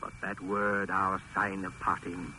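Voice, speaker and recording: A man's voice: low-pitched, flat delivery, a little slow. An actor playing a brooding, impassioned male poet in theatrical, declamatory 1950s radio drama style. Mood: anguished, declaiming. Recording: noisy old 1950s radio recording.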